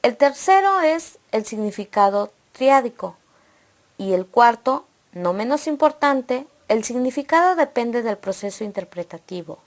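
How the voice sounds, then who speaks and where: Woman reading out a lesson script, slightly high voice, steady, goes point by point. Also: a little slow. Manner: steady, read-aloud delivery listing points. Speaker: presenter of an educational video.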